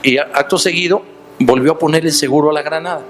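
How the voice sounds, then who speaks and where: A man's voice: on the high side, fast, soft background music. A man with a Mexican accent preaching a sermon, telling stories and asking the listeners questions directly. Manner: storytelling, addressing listeners directly with rhetorical questions.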